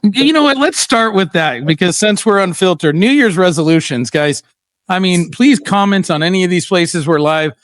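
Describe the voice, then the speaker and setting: A man's voice: high-pitched, lively intonation, moderate pace, dry recording, studio quality. A middle-aged man hosting a casual livestream chat, telling stories bluntly and animatedly with lots of fillers. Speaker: podcast host.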